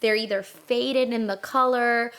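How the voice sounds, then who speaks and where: A young woman from New Jersey speaks as a podcast guest, describing her business in a lively, chatty way. She slips into quoted asides as she tells her stories. Her voice sits a little higher than most. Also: a little slow, clear, resonant tone. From New Jersey, USA. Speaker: guest, clothing business owner. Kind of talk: casual interview chat.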